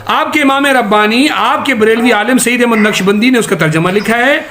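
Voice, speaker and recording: A man's voice: extremely high pitch, crowd noise. A man, an Islamic scholar, debating a caller by phone, mocking him sarcastically and then preaching at him. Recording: echoey room.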